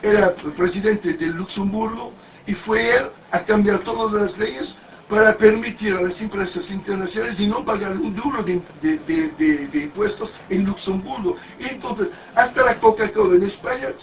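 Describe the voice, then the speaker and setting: High-voiced man on a distant tinny recording. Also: moderate pace. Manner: rambling and anecdotal, with many restarts and crude words. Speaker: speaker at a parody mass. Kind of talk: informal sermon-like talk. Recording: distant, tinny, faint background noise.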